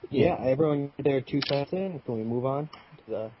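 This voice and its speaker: A man's voice: mid-range voice, a little fast, slight background noise. A man co-hosting a casual podcast, easygoing, keeping the conversation moving. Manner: easygoing, steers the conversation along. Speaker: podcast co-host. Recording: muffled lo-fi recording.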